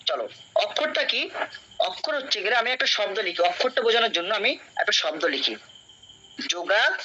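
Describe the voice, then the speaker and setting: A young man teaches a class, patient and questioning, stopping often to check his students follow. His voice is bright and clear-edged. The recording is dull and lo-fi, with a faint hiss underneath. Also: high voice, expressive, fairly quick. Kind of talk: classroom lecture.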